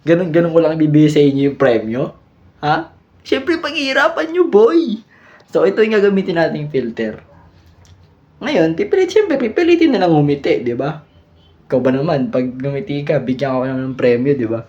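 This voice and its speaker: A man's voice: a little high, lively intonation, brisk, dark tone, muffled recording. A man with a Filipino accent hosting a vlog, teasing and playful, laughing at his own jokes. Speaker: vlogger host. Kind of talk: casual joking vlog chat.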